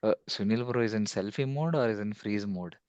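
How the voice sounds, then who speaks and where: Low-voiced host on a dull-sounding call. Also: male voice, a little fast, a little mellow, no room sound. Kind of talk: casual video-call chat. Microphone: video call. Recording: dull, band-limited video call audio.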